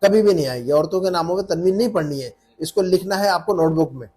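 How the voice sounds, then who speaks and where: A man's voice: sits high, fast talker, a little mellow. A man teaching a live class, patient, repeating words to drill pronunciation. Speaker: Arabic teacher.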